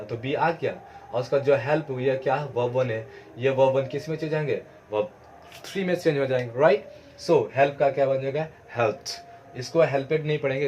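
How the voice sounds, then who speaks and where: A man teaches grammar at an ordinary middle pitch. He asks the class a question and then gives the answer himself, rule after rule. A faint background noise stays under the lesson. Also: darkish tone, highs cut off. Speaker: English teacher. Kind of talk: explaining grammar to students.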